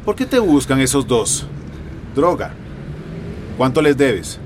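In a Spanish-language radio drama, an actor with a Latin American accent plays a fatherly, middle-aged police chief, sounding firm, reassuring and authoritative. His mid-range voice has a darkish tone and is very animated yet slow. A little hiss or hum sits in the recording.

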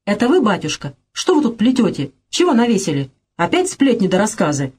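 A woman's voice: medium pitch, wildly swooping pitch, fairly quick, a little mellow, slightly rough, pitched above the performer's own voice. A woman reading as a fussy, chiding aunt. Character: fussy older aunt, bustling and scolding.

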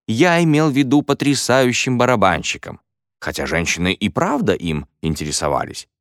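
A man's voice: mid-range voice, sing-song, moderate pace, dry recording, clean studio sound, voice pushed up. Man doing a wry, teasing schoolteacher. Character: good-humored male schoolteacher, joking with class. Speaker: teacher.

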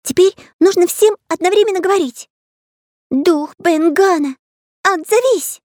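A woman voicing an excitable young male artist in a children's audiobook, speaking high and eager. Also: unhurried, dry recording, studio quality.

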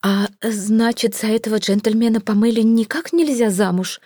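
A woman's voice: on the high side, moderate pace, warm tone, dry recording, clean studio sound, pitched above the performer's own voice, lightly acted. A woman voicing a flustered, hesitant middle-aged mother. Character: anxious middle-aged mother, Mrs Flip.

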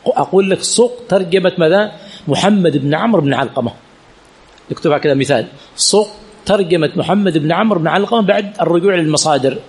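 In a religious teaching center, a sheikh gives a classroom lesson with Q&A on hadith chain studies. His voice is husky, darkish, and fairly high-pitched. He often quizzes students with rhetorical questions and repeats key words.

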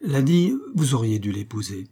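A male audiobook narrator voices a sentimental young gentleman who has had too much to drink. He pleads with warm insistence, his voice dark and a little husky, lifted slightly above the narrating tone. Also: medium pitch, very animated, a little fast. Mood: pleading. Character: young man, tipsy and sentimental.

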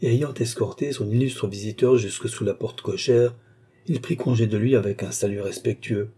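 Husky-voiced man reading a novel. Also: on the low side, moderate pace, dark tone. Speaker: audiobook narrator.

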